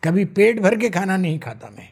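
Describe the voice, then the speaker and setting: A man in his nineties, a retired official and writer, speaks slowly and reflectively in an interview, with Urdu-flavored phrasing. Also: sits high, very animated, a little mellow, husky. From India. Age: 90s. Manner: slow, measured speech with Urdu phrasing, recites verse.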